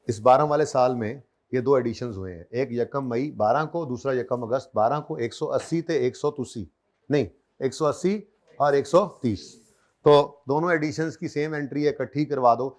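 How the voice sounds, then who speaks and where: This classroom lecture comes from an accounting teacher with a Pakistani Urdu accent, who keeps things conversational by questioning and gently teasing his students beside a board. He speaks at a normal speed in a medium-pitched, slightly mellow voice.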